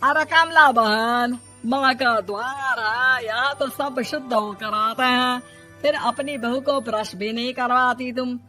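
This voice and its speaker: Woman voicing a preachy temple auntie, slow, reproachful, fairly high voice. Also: fairly even intonation, fairly bright tone, soft background music, natural voice.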